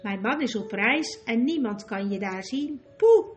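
A woman reading an audiobook voices a vain, giggly young noblewoman with a slow drawling voice. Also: a little high, expressive, soft background music. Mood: chatty. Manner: chatty, loud, giddy. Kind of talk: audiobook character voice.

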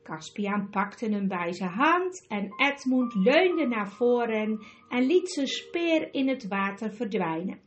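Slow, expressive woman reading a storybook. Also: on the high side, highs cut off. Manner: expressive, measured. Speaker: audiobook reader.

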